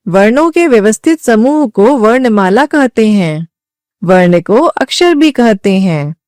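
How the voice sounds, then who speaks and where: A woman slowly reading a grammar textbook aloud as a lesson, saying the letters one at a time with long pauses. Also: a little high, expressive, darkish tone, dry recording, clean studio sound.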